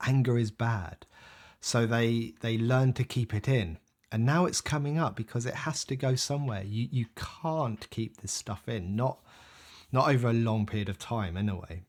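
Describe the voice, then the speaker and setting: A man talks as a psychotherapist giving his reaction. His voice sits at an ordinary middle pitch. He is thoughtful and measured, thinking aloud as he goes. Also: darkish tone. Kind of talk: reflective reaction commentary.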